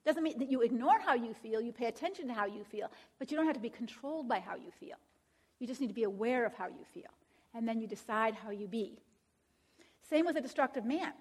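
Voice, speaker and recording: High-voiced woman giving a counseling lecture. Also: animated, brisk, a little mellow, slightly rough. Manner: frequent tag questions and check-ins. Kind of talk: conversational lecture.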